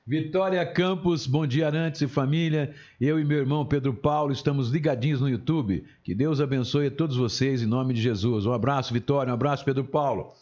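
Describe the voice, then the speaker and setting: A man's voice: medium pitch, a little fast, a little mellow. A man hosting a live show, teasing his co-host in a joking, playful way. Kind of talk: joking live broadcast chat. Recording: dull lo-fi broadcast audio.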